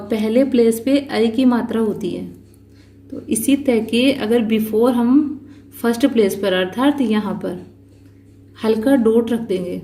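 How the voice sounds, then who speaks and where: A woman teaching a shorthand lesson, explaining each rule slowly and patiently, repeating points and counting out positions. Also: a little high, dark tone. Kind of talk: slow step-by-step lesson.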